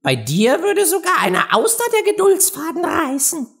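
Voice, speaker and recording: A squeaky, snippy young crab. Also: male voice, huge pitch swings, normal speed, gravelly, a bit bright, heavily acted. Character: cheeky young crab son.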